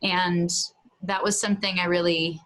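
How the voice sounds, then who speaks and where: A woman with a fairly low voice speaks earnestly as a guest, telling a story from her own life. She reflects at an unhurried pace and sometimes acts out dialogue with her child, lifting her voice for those lines. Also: little pitch movement, fairly bright tone, rough recording.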